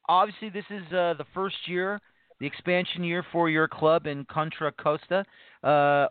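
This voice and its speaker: A man's voice: on the high side, no echo. A man hosting a casual soccer interview show, rambling and repeating himself with many fillers. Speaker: podcast host. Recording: dry phone-like line.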